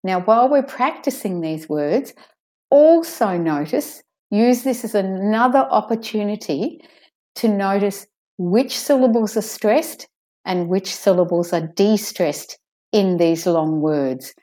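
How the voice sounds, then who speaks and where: A woman teaching pronunciation in an audio lesson, saying each word slowly and twice and marking stressed syllables. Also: mid-range voice, lively intonation, warm tone.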